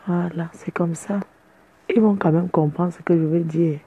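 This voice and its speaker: Woman social media personality, casual boastful chat to fans; dark, husky tone. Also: fairly low pitch, steady tone, normal speed, rough recording. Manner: boastful, playful, chatty. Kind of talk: casual live video chat.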